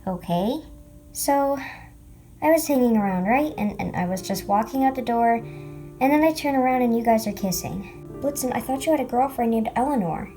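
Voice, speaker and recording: A flustered young female toy pet who stammers and trips over her words, as a woman voices her. The voice sits high, with soft music under it. It belongs to a homemade toy video drama. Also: animated, normal speed. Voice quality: stammering, hesitant. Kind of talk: amateur toy video voice acting.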